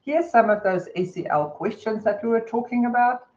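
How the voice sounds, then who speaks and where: A woman's voice: on the high side, normal speed, a little mellow. A woman with a New Zealand accent presents a teaching webinar in a chatty, conversational way, with many fillers. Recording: dull lo-fi webinar audio.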